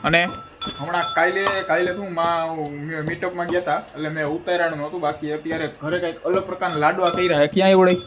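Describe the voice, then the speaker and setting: A man's voice: on the high side, fairly even intonation, fast, a crowd in the background. A man, chatting to camera in a casual family vlog, teasing his family. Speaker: vlogger.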